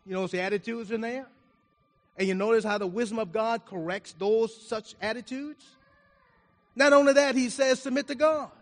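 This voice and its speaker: A man preaching a sermon, reading scripture aloud and explaining it, his volume rising and falling for emphasis. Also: high-pitched. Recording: reverberant hall.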